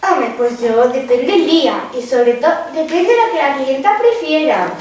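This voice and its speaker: A woman's voice: high-pitched, lively intonation, normal speed, a little mellow. A woman with an Asturian accent playing an earnest, easily hurt countrywoman in a comic stage interview. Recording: very echoey hall, distant, faint noise.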